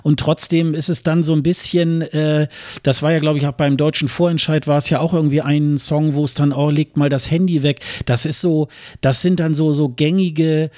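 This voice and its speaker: A man's voice: on the high side, steady tone, moderate pace, a little mellow, no echo, clean studio sound. A man co-hosting a podcast in casual chat, hesitant, with many fillers and restarts. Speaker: podcast co-host.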